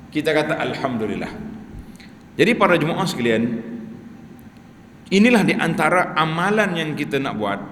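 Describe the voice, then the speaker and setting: A man with a Malaysian Malay accent giving a lively, conversational religious lecture to a congregation, at times chanting prayers with them. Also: a little high. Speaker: preacher. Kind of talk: religious study-circle lecture. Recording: echoey hall with faint background noise.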